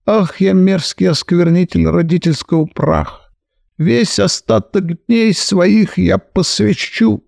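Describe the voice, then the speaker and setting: A man voicing an excitable, self-pitying grown man who whines nasally and laments theatrically. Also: high voice, slow pace, gravelly, dry recording, clean studio sound, pitched above the performer's own voice, heavily acted. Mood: wailing.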